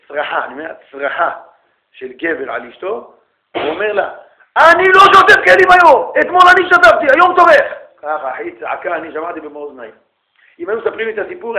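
A man lecturing as a rabbi, animated, calling listeners brother and asking rhetorical questions. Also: fairly high pitch. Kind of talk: lively religious lecture. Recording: echoey room, tinny phone-like sound.

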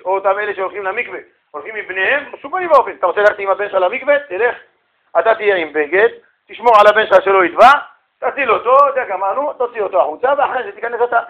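A man teaching a Talmud class in colloquial storytelling, animated and emphatic, acting out the characters' dialogue. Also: high-pitched, muffled recording. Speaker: Torah teacher.

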